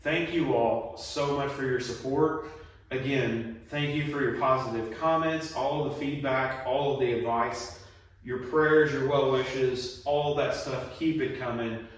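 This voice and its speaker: A man giving a casual hands-on vlog narration inside a barn workshop, plain-spoken and thinking out loud. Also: medium pitch, fairly even intonation, a little slow, husky, poor audio. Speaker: host of a DIY garage channel.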